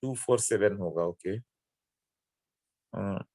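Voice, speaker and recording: A man's voice: low voice, slow, mellow, no echo. A man teaching a chemistry lesson, explaining step by step and checking in with his students as he goes. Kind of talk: classroom lecture.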